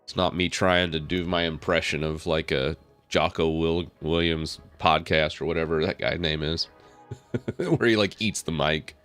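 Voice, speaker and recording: A tech streamer with a low, steady voice talks loosely on a live stream, thinking aloud as he clicks through his on-screen work. A head cold makes him a bit raspy, he fills his talk with fillers and quick laughs, and faint music plays softly underneath.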